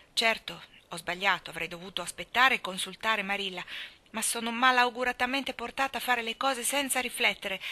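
A woman's voice: medium pitch, bright, forceful tone, close to an everyday voice. A woman voicing an impulsive, earnest teenage girl who talks eagerly and pleads. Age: teens.

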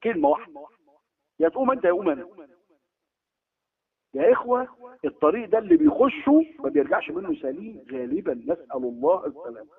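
A man's voice: sits high, sing-song, fast talker, pauses often, breathy edge. A man with an Egyptian Arabic accent giving a religious lesson, emphatic and exhorting, often acting out the exchanges he quotes. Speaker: preacher. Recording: tinny phone-like lo-fi recording.

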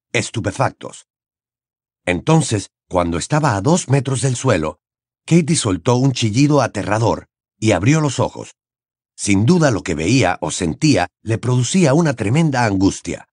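A man reading a fantasy novel aloud as an expressive audiobook narrator. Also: medium pitch, husky, no room sound, clean studio sound. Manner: expressive storytelling with wide intonation. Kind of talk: scripted narration.

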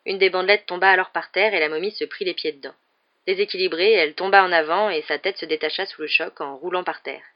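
A woman reading a novel aloud in steady, clear storytelling, on a muffled lo-fi recording. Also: lowish voice, fast talker. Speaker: audiobook reader.

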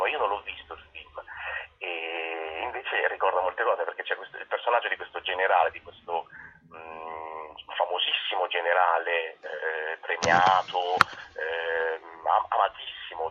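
Over a tinny telephone line on radio, a male guest who acts and directs in theatre explains his show in a conversational way. He has a husky, low-sitting voice and frequently rephrases himself partway through sentences as he answers the interview questions.

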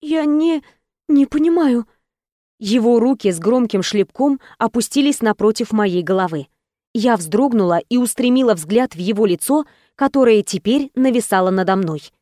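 A woman's voice: medium pitch, moderate pace, mellow, no echo. A woman giving an earnest, emotional first-person audiobook narration into a close studio mic.

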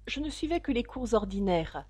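A woman voicing a sighing, mournful sea creature in a storybook reading, with a lively, plaintive lilt. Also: fairly high pitch, moderate pace, slightly rough, no room sound.

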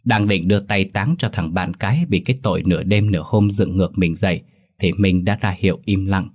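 A man narrating a scripted horror story in a steady, even storytelling voice. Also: deep voice, brisk, slightly rough.

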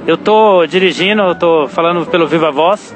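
A Brazilian man in his thirties calling in on a speakerphone from his car, talking in an earnest, halting way with restarts and mild swearing. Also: on the high side, music in the background. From Campinas, Brazil. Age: 30s. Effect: phone call on speakerphone while driving. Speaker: caller. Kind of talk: casual phone message to a podcast host.

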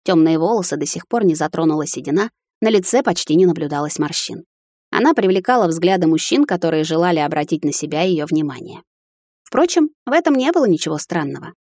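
A woman reading a first-person fantasy audiobook in a measured storytelling voice. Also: low voice, lively intonation, a little mellow, no room sound, studio quality. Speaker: audiobook narrator.

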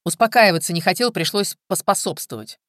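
A woman reading an audiobook, voicing a hard man who sneers loudly and provokes. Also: lowish voice, a little fast, dry recording, studio quality, voice pushed up, lightly acted. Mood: scornful. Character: hard, scornful grown man. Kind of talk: audiobook character voice.

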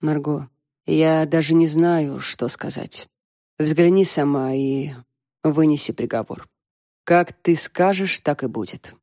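A woman's voice: low-pitched, slow, dark tone, dry recording, clean studio sound. Woman reading a shaken, guilty middle-aged man. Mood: subdued.

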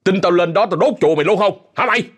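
Man playing an angry middle-aged man, yelling, abusive, raised husky voice, spoken ghost story. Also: mid-range voice, very animated, a little fast. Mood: raging. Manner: shouting, abusive.

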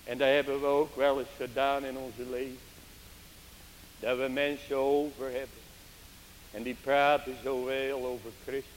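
A man preaching a sermon, slow and emphatic, drawing out his exclamations and speaking straight to the congregation. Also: mid-range voice, flat delivery. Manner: addresses the congregation directly. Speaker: pastor. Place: church. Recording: hissy 1980s church tape with long reverb.

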